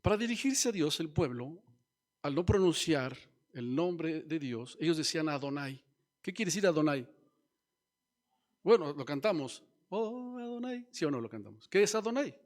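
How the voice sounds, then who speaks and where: A man's voice: a little high, expressive, moderate pace. A man preaching a sermon as pastor, teaching and asking the congregation questions. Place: church.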